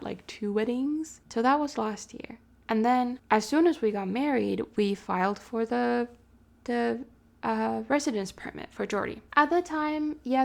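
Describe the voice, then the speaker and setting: A young woman vlogger telling a personal story in a chatty, animated way, swearing and laughing often. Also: medium pitch, creaky. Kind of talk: casual storytelling.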